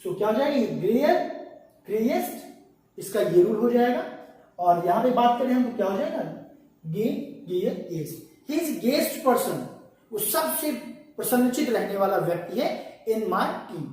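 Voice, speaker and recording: A man's voice: sits high, big pitch swings, unhurried, a little mellow, distant mic. A man teaches an online English grammar lesson, walking his students through each rule with one rhetorical question after another. He stands some way back from the microphone. The room around him rings with heavy echo. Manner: keeps asking rhetorical questions and calls students "beta". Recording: very echoey room, voice off-mic.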